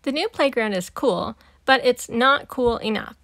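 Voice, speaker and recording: Female storybook reader, slow and high, animated read-aloud for little kids, dry sound. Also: vocal fry, no room sound. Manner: animated, emphatic on sound-effect words. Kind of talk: expressive read-aloud narration for young children.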